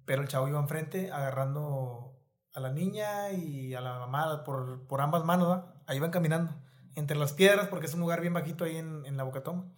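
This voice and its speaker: High-voiced man telling stories. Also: brisk. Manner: animated slangy storyteller. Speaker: podcast guest. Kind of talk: casual storytelling.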